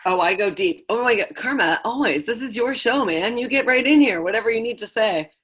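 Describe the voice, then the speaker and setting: A woman with a fairly high voice chats in casual, joking banter. She sounds like a playful contestant, talkative and a bit theatrical. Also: expressive, a little fast, fairly bright tone, husky. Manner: playfully dramatic, chatty. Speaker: burping contest competitor.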